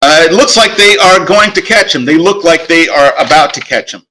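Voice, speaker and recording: A man narrating as game master of a tabletop game, relaxed and full of fillers. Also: fairly high pitch, moderate pace, low-quality recording.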